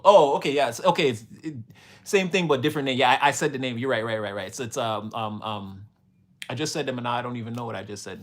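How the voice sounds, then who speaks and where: His pitch is medium and his tone fairly bright as this Canadian from Montreal chats on a casual livestream. Laughing frequently, he wanders through slangy replies to his chat.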